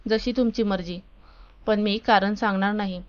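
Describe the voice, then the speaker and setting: A fearless young college woman, voiced by a storytelling woman, calm and unshaken as she speaks. Her tone is smooth and clear, though the recording sounds dull. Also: medium pitch, normal speed, close to an everyday voice. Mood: defiant. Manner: calm, defiant.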